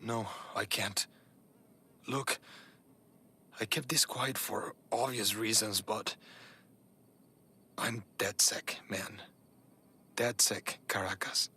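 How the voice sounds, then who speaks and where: Young male game hacker: bright, husky voice, stubborn, urgent, casual and sweary. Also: on the low side, slow, pauses often, heavily acted. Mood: urgent, determined. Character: earnest young male hacker activist, stubborn, big-hearted.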